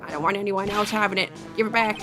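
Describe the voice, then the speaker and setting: A woman voicing a grumpy, scolding old man from a video game, with a gravelly, indignant delivery. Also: medium pitch, fast talker, close to an everyday voice. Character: grouchy, scolding old man feeding pigeons. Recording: music playing behind the voice.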